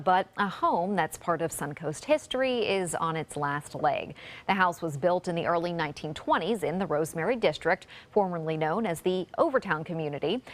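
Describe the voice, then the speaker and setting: A woman reading scripted television news as an anchor. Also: fairly low pitch.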